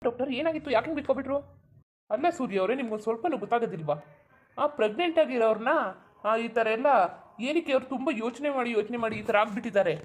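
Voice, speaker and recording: A brisk, matter-of-fact doctor from a cartoon, voiced by a woman who scolds firmly and talks fast. The voice sits a little high and stays businesslike throughout. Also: lively intonation, natural voice. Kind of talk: cartoon voice acting.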